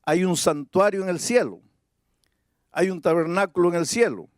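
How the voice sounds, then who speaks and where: A man preaching a sermon, reading Bible verses slowly and deliberately and building to emphatic high points. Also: no echo, clean studio sound.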